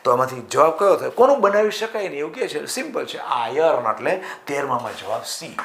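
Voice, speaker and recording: A man teaching chemistry exam prep in Gujarati, asking his students questions and answering them himself, stretching key terms out slowly. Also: fairly high pitch, very animated, gravelly, fairly bright tone, echoey room, slight background noise.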